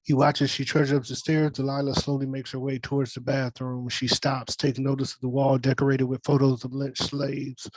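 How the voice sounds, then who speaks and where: A man's flat, even voice of medium pitch narrates stage directions as in a scripted table read. The sound is close and dry, and the recording is rough.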